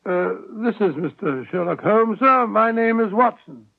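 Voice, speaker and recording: An actor playing a genial, blustery English gentleman doctor with a British accent, avuncular and a little fussy, in a 1940s radio drama. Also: sits high, expressive, a little slow, gravelly, no echo, phone-quality sound, heavily acted. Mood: genial, grumbling. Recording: band-limited old radio recording.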